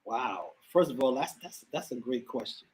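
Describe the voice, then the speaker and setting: A man's voice: medium pitch, animated, normal speed, darkish tone, slight background noise, poor audio. A man in his fifties with a New York accent, a hip hop artist telling his story as an interview guest, reflective and a little emotional, repeating words often. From the Bronx, New York. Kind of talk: casual interview conversation.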